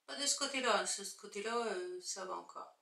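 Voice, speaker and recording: A makeup vlogger speaks a little fast in a medium-pitched, gravelly voice with a sharp tone, chatting and thinking aloud as she shows each product. Her husband is filming indoors at home, and the sound comes from a distance with room echo.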